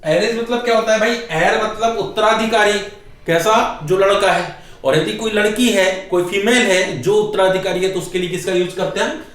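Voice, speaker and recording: A middle-aged man teaching English grammar in a lecture style, who keeps asking rhetorical questions, answers them himself, and drags out key words slowly for emphasis. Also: high voice, a bit bright. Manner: often calls the viewer "bhai". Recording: very echoey room, voice far from mic.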